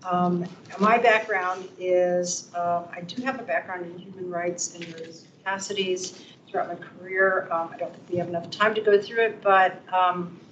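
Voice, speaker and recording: A woman commissioner introducing herself at a public meeting, hesitant and full of pauses. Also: fairly low pitch, steady tone, a bit bright, slight background noise. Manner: hesitant, many ums. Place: council meeting room. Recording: echoey room, dull sound.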